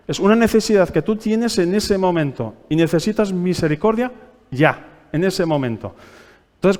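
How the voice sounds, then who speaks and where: A man's voice: high-pitched, darkish tone. A man with a Spanish accent preaching a sermon, reading scripture aloud and quizzing the congregation with questions. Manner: teaching by asking the congregation questions; reads scripture aloud, raising his voice for quoted pleas. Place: church hall. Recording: long church-hall reverb.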